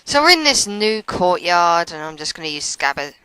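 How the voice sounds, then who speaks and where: A woman's voice: on the low side, very animated, normal speed, pushed and bright, clean tone, dry recording, low-quality recording. A woman giving casual commentary over a video game, often stumbling over her words and poking fun at herself. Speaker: let's play commentator.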